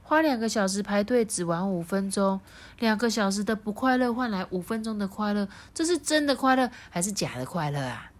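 Woman, children's storybook reading, lively, sing-song, mid pitch. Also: fairly quick.

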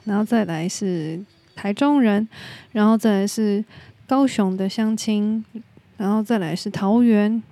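Woman podcast host with a Taiwanese accent, mid-pitched and warm, frank casual monologue with some English mixed in. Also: a little slow, dry recording. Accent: Taiwanese Mandarin. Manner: candid and opinionated, drops in English words. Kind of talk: casual solo podcast chat.

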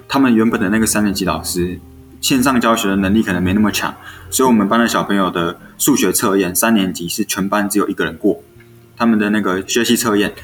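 A young man in his twenties with a Taiwanese Mandarin accent, an elementary school teacher telling classroom stories in casual chat and acting out what was said. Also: fairly low pitch. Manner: animated storyteller who acts out quoted dialogue. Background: faint background music.

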